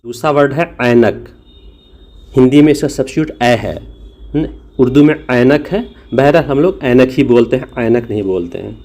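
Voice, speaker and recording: A man's voice: medium pitch, mellow. A man teaching a language lesson, explaining patiently and demonstrating sounds. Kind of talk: spoken lesson.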